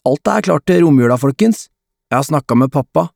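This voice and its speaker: A man's voice: a little high, lively intonation, creaky, no echo, clean studio sound, pitched above the performer's own voice. A man doing a bossy upbeat teen boy. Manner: loud, organising.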